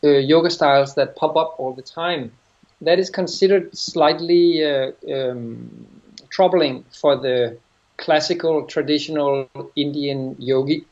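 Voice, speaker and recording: A middle-aged Danish man with a Danish accent answers interview questions as a yoga teacher, sounding thoughtful and halting and often restarting phrases. His voice is fairly high with a darkish tone, captured in dull lo-fi sound.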